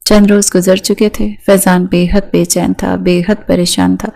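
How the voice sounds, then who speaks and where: A woman narrating a romance novel in steady storytelling style, voicing each character in turn. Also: mid-range voice, vocal fry. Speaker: audiobook narrator.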